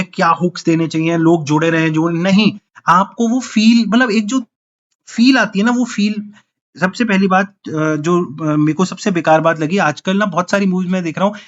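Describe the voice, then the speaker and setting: A high-pitched man rants his way through a casual film review, sounding fed up and slipping English phrases into his sentences. The sound is dull and lo-fi. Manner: frustrated, ranting, mixes English phrases in.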